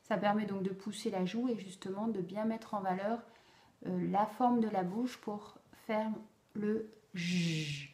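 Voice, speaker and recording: A woman explaining how to teach a speech sound to children, slow and deliberate, with frequent pauses and fillers. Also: mid-range voice, fairly even intonation, dark tone. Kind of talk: instructional explanation for parents. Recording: echoey room.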